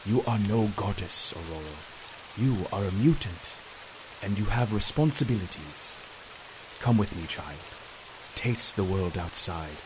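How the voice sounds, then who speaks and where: A man playing a grave, persuasive professor in an audio drama, measured, formal and earnest. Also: low-pitched, lively intonation, noisy background. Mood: solemn, persuasive. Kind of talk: scripted audio drama acting.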